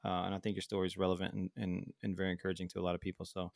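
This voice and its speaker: A male podcast host speaks quickly in a low, gravelly voice with a flat pitch. He speaks casually and keeps affirming his guest. The sound is dry and close. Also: dry recording. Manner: affirming listener, short backchannels, casual slang.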